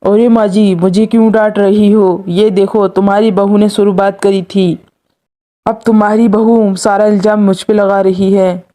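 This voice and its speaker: A man's voice: sits high, level tone, unhurried, mellow. A man voicing a sly village milkman in a storybook tale, talking in a defensive, whining way.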